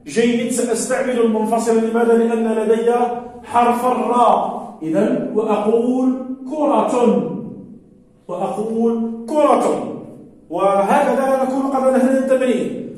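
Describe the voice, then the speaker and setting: A male primary school teacher giving a lesson to young pupils, drawing out and singing key words slowly. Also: very high-pitched, fairly even intonation, darkish tone. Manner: stretches and sings out words slowly for children. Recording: echoey room, voice from a distance.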